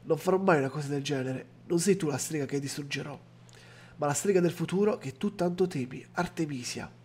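A terse, guarded young soldier, read aloud by a man. The lines come out flat and clipped. The voice has a husky grain and sits slightly high. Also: brisk. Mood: firm. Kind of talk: reading game dialogue aloud.

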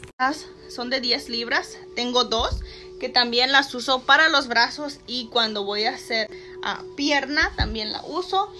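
A woman in her thirties with a Mexican Spanish accent talks casually and with upbeat energy into a phone camera in a small bedroom. Her voice sits high and sounds bright. Faint music plays behind her. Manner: chatty, upbeat, motivational. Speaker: fitness vlogger. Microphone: phone camera close up.

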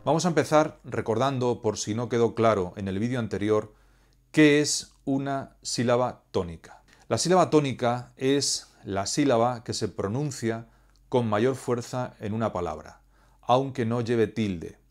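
A man teaching Spanish grammar, explaining rules in a measured, clear, didactic way. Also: mid-range voice. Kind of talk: scripted educational explanation.

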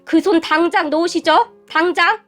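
A woman voicing a stern, protective older father-in-law who speaks slowly and commandingly. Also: high voice, fairly bright tone, soft background music.

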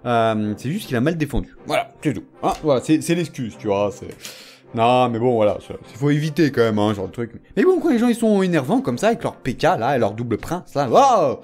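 A man giving excited, slang-filled commentary over a mobile game he is playing, swinging from hyped yelps to mumbled asides and speaking straight to his viewers. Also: medium pitch, a little fast. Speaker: gaming video host. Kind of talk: live gameplay commentary.

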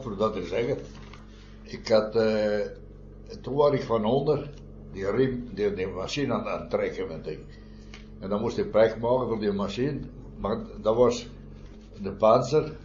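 An older man with a lowish voice tells long, rambling stories in an oral history interview. He keeps adding little tag questions and soft chuckles. The recording is muffled, with a faint hiss underneath. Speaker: former miner interviewee.

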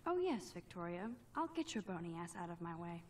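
An actress voicing an introspective, awkward teenage student in a video game, understated, thoughtful and quietly wry. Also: female voice, lowish voice, very animated, brisk, distant mic, noisy background. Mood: sarcastic.

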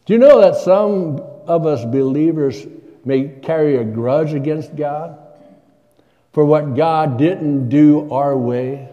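An older man, serving as a guest preacher, delivers a sermon from a church pulpit and poses questions to the congregation in a conversational manner. His voice is slightly high and his pace slow, with a lo-fi quality and a long church reverb trailing his words.

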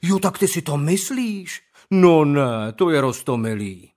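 A man's voice: on the high side, animated, voice pushed up, lightly acted. A man voicing a mocking, bullying teenage boy in an audiobook, taunting and sneering.

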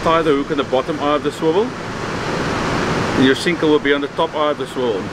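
Crashing waves and wind nearly drown out this South African fishing instructor as he gives an outdoor demonstration on an open beach. His fairly high voice moves briskly, and his laid-back, practical explanations are full of "so" and "okay."

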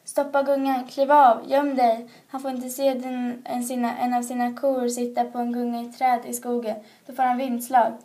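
A woman's voice: fairly high pitch, monotone, few pauses, warm tone, close to an everyday voice. A woman voicing a bossy, anxious male crow who hisses urgent orders. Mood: alarmed.

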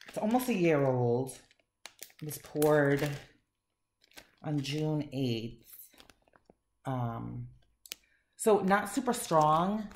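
In an echoey room with faint noise, a woman with a bass, slightly mellow voice chats casually about wax melts. She reviews them with enthusiasm, rambling and dropping in plenty of fillers.

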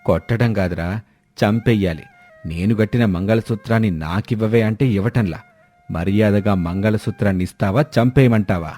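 A man's voice: lowish voice, moderate pace, mellow, natural voice. Man playing a harsh drunk husband, storybook tale, faint music behind. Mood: furious. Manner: harsh, bullying. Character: drunk, abusive middle-aged husband, gambler.

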